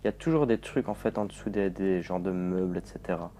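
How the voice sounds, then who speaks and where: Brief: young gamer, low voice, swears when startled, chats to viewers. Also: male voice, fast talker, warm tone, slight background noise. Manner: jumpy, swearing, talking to viewers. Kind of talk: let's play commentary.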